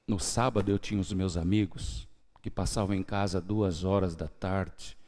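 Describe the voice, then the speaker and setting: This deep-voiced man is a pastor giving a sermon in church, speaking with a Brazilian Portuguese accent. Recounting his testimony at a moderate pace, he alternates between soft, hushed passages and loud, spirited bursts.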